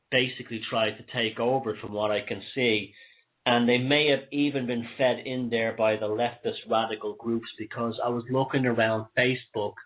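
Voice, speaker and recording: A man with an Irish accent giving an opinionated talk-show monologue in a conversational way, wheezy and short of breath from asthma. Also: lowish voice. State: asthma flare-up. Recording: thin phone-like sound.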